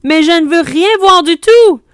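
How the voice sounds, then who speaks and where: Woman doing a young schoolboy, storybook figure, anxious, high-pitched, loud, dry close sound. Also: sing-song, moderate pace, no echo, heavily acted. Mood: alarmed.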